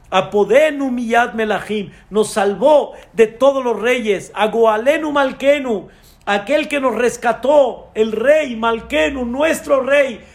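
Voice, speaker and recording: High-voiced, slow rabbi giving a sermon. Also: male voice. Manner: addresses listeners as Rabotai, repeats phrases for emphasis.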